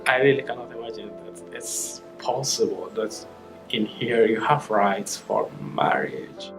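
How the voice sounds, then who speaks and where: A man from Afghanistan, giving halting personal testimony as an interviewee who searches for his words. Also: on the low side, gravelly, over music, rough recording. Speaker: interviewee, asylum seeker.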